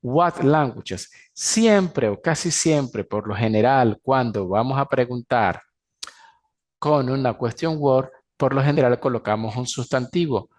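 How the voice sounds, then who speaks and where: A man's voice: mid-range voice, darkish tone. Spanish-speaking man teaching English grammar. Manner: explains grammar in Spanish, slowly spelling out English examples. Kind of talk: recorded class lecture.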